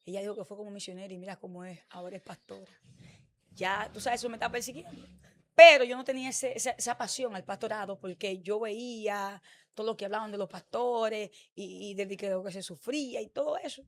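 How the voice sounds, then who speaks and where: A woman's voice: medium pitch, fairly quick. A woman pastor with a Dominican accent, giving her testimony in an interview and acting out the dialogue she quotes. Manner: animated storytelling, acts out quoted dialogue.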